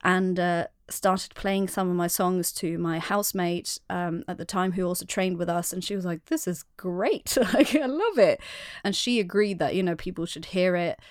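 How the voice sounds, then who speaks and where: A woman's voice: on the low side, little pitch movement, moderate pace, few pauses, clean tone, dry recording, clean studio sound. A young woman, an actor and singer, talking candidly as a podcast guest, telling her story with many restarts. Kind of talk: casual podcast interview.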